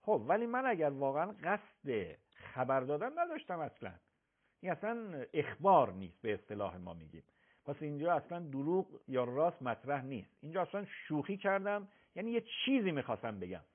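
A man teaches religious rulings on a live call-in program, building each point with examples and firm emphasis. His pitch moves expressively up and down. The sound is narrow and phone-like, as if heard through a tinny broadcast line. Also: sing-song. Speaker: religious scholar answering questions.

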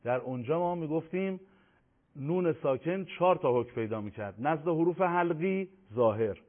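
A man teaching a Quran recitation lesson on tajweed rules, explaining in a measured way and slowing down to recite and spell out each example. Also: fairly high pitch, animated. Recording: tinny phone-like audio.

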